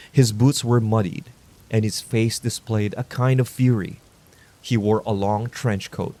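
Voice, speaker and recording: Low-voiced man narrating sleep-time horror. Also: a little mellow. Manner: measured, low-key. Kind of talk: calm scripted sleep-story narration.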